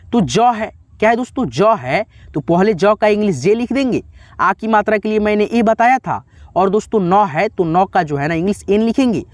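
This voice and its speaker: Man, high voice, dry close sound, patient spelling lesson. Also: dry recording. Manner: patient, repetitive teaching, frequent "theek hai". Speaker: English teacher.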